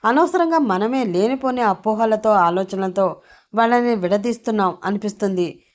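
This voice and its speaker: A woman's voice: medium pitch, normal speed, dull audio, close to an everyday voice. A woman voicing an exasperated middle-aged father who argues firmly, in a storybook reading. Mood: firm pleading.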